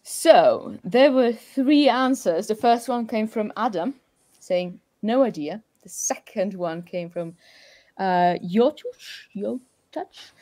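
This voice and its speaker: A woman's voice: mid-range voice, lively intonation, slow, warm tone. A woman presenting a live online science demonstration, explaining step by step with frequent fillers, recorded on a camera mic indoors. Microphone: webcam or phone camera mic.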